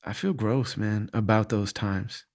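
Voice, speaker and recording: Unhurried and creaky, his voice on the low side with a darkish tone, a middle-aged podcast host talks frankly about hard moments in reply to listener questions. It's an earnest, reflective monologue, full of restarts as he looks for the words.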